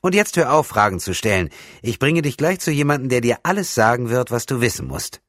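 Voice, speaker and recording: A cheeky, wary lad, barely more than a boy, teasing with a raised, boyish pitch, as a male audiobook reader puts him on. He stays guarded and a little mocking. The sound is dry and close, as in a storybook recording. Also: lively intonation, fairly quick, a bit bright, no room sound.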